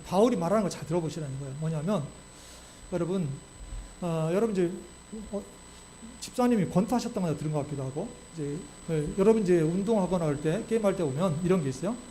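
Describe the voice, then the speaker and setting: A male pastor delivers a sermon at a brisk clip, his voice sitting high yet mellow in tone. He talks in an animated way and keeps throwing rhetorical questions to the congregation. A faint hiss runs under his voice. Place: church sanctuary.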